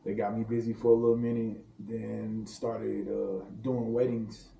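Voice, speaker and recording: A private chef from St. Louis, Missouri, appears as a podcast guest, telling loose, slangy stories and laughing as he chats. His voice is fairly low, gravelly and dark, with a level tone and measured pace. The mic is distant in a roomy space, with faint ambience and a little hiss or hum.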